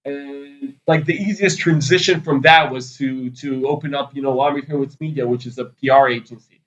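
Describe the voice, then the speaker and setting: A man's voice: mid-range voice, fairly even intonation, normal speed, a bit bright, dull audio. A man in his thirties from Israel, answering interview questions in a loose, rambling way full of fillers. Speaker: podcast guest, PR agency founder.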